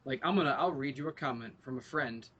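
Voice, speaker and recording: A man's voice: mid-range voice, fast, a bit bright, muffled recording. A young man co-hosting a podcast, chatting casually and ranting with a lot of profanity. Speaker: podcast co-host. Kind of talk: casual chat.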